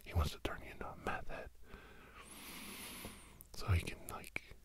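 Close to the mic, a middle-aged podcast host delivers a whispered ASMR monologue, breathy and secretive, rambling haltingly and repeating words. His breathy whisper sometimes breaks into a low murmur.

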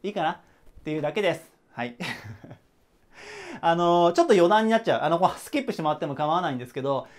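Lively, chatty male teacher. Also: fairly high pitch, fast, long pauses. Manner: chatty, explains with rhetorical questions. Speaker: English teacher. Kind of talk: casual whiteboard lesson.

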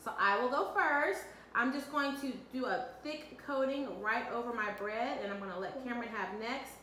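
Recorded on a camera mic a few feet off in an echoey kitchen with faint noise, a woman in her thirties runs a kids' cooking segment. Her voice is fairly high, bright and forceful at normal speed as she cheerfully guides her children step by step.

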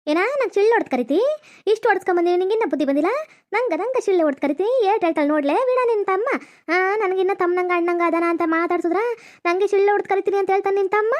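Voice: very high voice, racing. A performer voicing an angry, deaf old village woman who scolds and threatens in a North Karnataka Kannada accent for a cartoon comedy. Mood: scolding.

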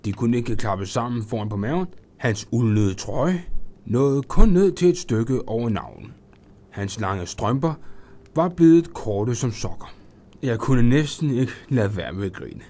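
A man in a studio reading a children's Christmas story aloud in a lively, expressive first-person voice. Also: mid-range voice.

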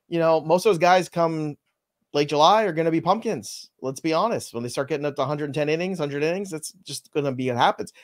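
A man hosting a live fantasy baseball show, trading playful, upbeat banter and setting up segments. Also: on the high side. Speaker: host.

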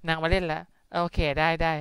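A young woman with a Thai accent chats her way through a live game stream, swapping between languages and tossing out playful curses. Her voice sits a little low and comes across smooth and clean. The sound is dry and close, with no room around it. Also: level tone, a little fast, a bit bright, dry recording. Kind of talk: casual live game commentary.

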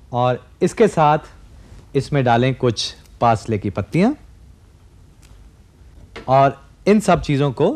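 A man in his forties with a fairly high voice walks viewers through a recipe on a studio kitchen set. He explains each step patiently and speaks straight to the audience. His voice is picked up close by a clip-on mic. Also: darkish tone. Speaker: TV cooking show host. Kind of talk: cooking demonstration.

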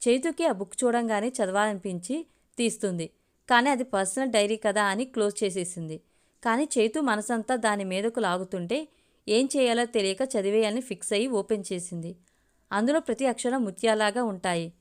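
A woman narrating a family story for an audio storybook in a steady, measured reading. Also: medium pitch, clean tone.

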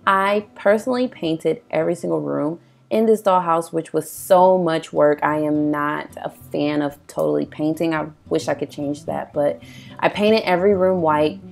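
A young woman with a tired, raspy voice, chatting enthusiastically through a doll collection tour in a voice-over, with plenty of ums. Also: sits low, moderate pace. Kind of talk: casual show-and-tell narration. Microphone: voice-over, not recorded on camera. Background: soft guitar music.

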